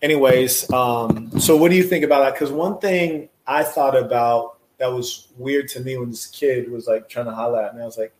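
A man's voice: mid-range voice, fairly even intonation, moderate pace, hardly any pauses. Slangy joking man in an echoey room. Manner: slangy, jokey, laughs often. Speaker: podcast host. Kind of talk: casual chat.

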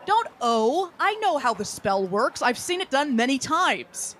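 A woman's voice: sits high, very animated, a little slow, a bit bright, slight background noise. A woman chatting in character as a tabletop game player, hesitant and dryly argumentative. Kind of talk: casual in-character game chat.

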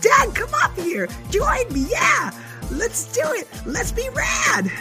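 A man voicing an eager, dreamy young boy dinosaur in a children's story, excitable and pleading with a sing-song delivery. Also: extremely high pitch, unhurried, soft background music, voice pushed up, heavily acted. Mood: giddy.

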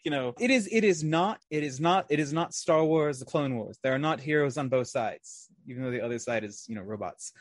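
Animated, rambling male podcast guest. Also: fairly high pitch, no echo, clean studio sound. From raised partly in America, partly overseas. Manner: animated, rambling, self-interrupting, swears freely. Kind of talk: casual interview chat.

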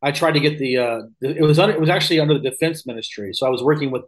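With a slightly high voice and a very fast pace, this podcast guest rambles casually through personal stories, correcting himself often. He is a man in his fifties from Missouri, United States, who invests in real estate and has an American accent.

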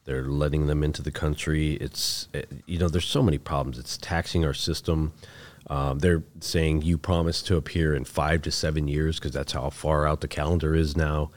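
A chief deputy sheriff talking in a casual podcast interview, plainspoken and laid-back, calling the host bro. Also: male voice, extremely low pitch, level tone, normal speed. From United States.

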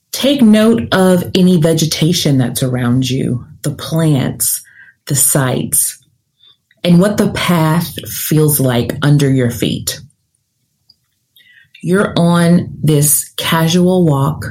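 A woman coach leading a guided visualisation like a sleep story narrator, calm and soothing, with long deliberate pauses. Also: low voice, low-quality recording. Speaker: podcast host and career coach.

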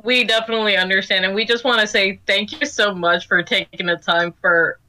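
A woman's voice: medium pitch, fairly even intonation, a little fast, bright, forceful tone. A woman from Colombia co-hosting a podcast, earnest and a bit hesitant, over a video call. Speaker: podcast co-host. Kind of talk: casual chat.

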